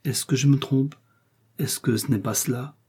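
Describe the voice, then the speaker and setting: A man voices a devoted young servant woman, earnest and reassuring. The voice stays low-keyed, mellow and slightly husky, in an audiobook reading. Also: fairly even intonation, normal speed.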